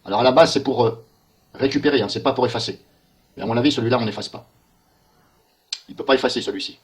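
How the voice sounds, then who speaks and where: Puzzled man muttering through a software demo. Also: medium pitch, quick pace. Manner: muttering, puzzled thinking aloud. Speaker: software tester. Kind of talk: screen-recorded software walkthrough.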